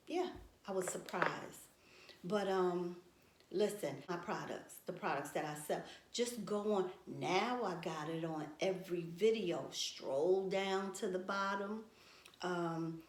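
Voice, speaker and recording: A woman's voice: mid-range voice, darkish tone, echoey room. A woman who is a grandmother, talking casually to her viewers in a chatty, emphatic way and repeating her points for effect. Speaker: vlogger selling tea products. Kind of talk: casual talk to camera.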